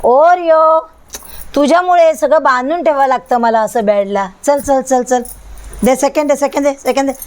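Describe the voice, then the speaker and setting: A woman's voice: high voice, a little fast. Coaxing woman talking to her dog. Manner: coaxing baby talk with lots of repetition. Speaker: dog vlogger.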